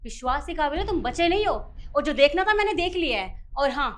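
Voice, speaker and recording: A woman playing a scheming wife of the house who scolds and accuses in a sharp, demanding way. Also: high voice, animated, a little fast. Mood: cold. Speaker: lady of the house.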